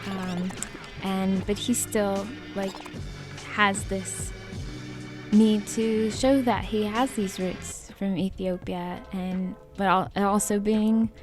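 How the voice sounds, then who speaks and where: Woman commentator, mid voice, slow and hesitant. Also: medium pitch, steady tone, music in the background. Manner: hesitant, filler-heavy. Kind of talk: casual commentary.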